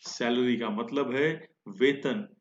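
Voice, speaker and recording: Slow, deliberate male vocabulary teacher. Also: mid-range voice, steady tone, roomy sound, dull audio. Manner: slow, deliberate example sentences. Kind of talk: vocabulary lesson explaining in Hindi.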